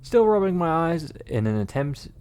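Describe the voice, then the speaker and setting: A man's voice: a little high, big pitch swings, moderate pace, darkish tone, clean tone. A man playing through a visual novel, reading the narration aloud and adding rambling, joking remarks full of fillers. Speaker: game player and narrator.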